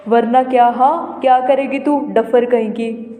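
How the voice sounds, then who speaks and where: A woman's voice: on the high side, fairly even intonation, a little slow, phone-quality sound, lightly acted. A woman playing a cheeky, defiant schoolboy who talks back in a cartoon moral story. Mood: taunting. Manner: taunting, back-talking. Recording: echoey long reverb, music behind.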